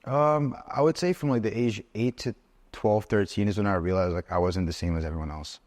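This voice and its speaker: Speaking briskly in a lowish, somewhat mellow voice, this interview guest is a Swiss man of about twenty. He rambles through a relaxed podcast conversation, loose in manner and leaning heavily on "like."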